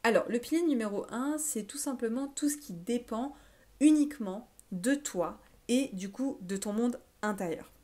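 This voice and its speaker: A woman life coach talking straight to her viewer in an informal self-help video, pausing often on fillers as she explains. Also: fairly high pitch, mellow. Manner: informal, addresses the listener as tu, many filler pauses.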